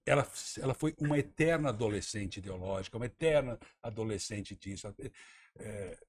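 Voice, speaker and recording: Speaking as a guest on a radio talk show, a former Brazilian tourism minister from Santa Catarina presses his points argumentatively. His slightly husky voice is expressive, with freely shifting pitch and a moderate pace, and he sometimes repeats words as he works through his ideas.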